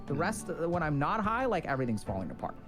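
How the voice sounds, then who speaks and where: A man's voice: fairly high pitch, sing-song, fast talker. A man giving an informal explanatory talk in the manner of a clinician. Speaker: mental health clinician. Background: music.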